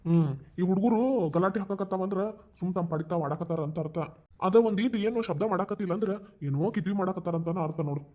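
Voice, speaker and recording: An actor voicing a gentle, indulgent grandfather in a cartoon, with a North Karnataka Kannada accent, soothing and calming. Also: sits high, quick pace. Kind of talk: cartoon voice acting.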